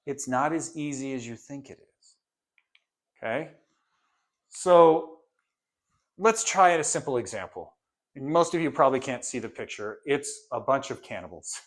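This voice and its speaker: A man teaching a course in a casual, conversational lecture, firing off rhetorical questions and briefly acting out what his students or parents might say. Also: medium pitch. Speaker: course instructor.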